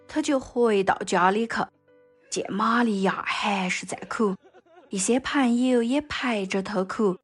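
A woman narrating a Bible story in a slow, gentle way and speaking directly to her listeners. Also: medium pitch, husky, faint music behind.

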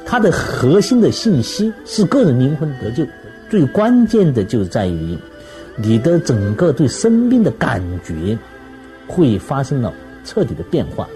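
A man, a scholar, explaining his views in a measured, deliberate interview manner. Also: mid-range voice, wildly swooping pitch, warm tone, faint music behind. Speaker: scholar and lecturer.

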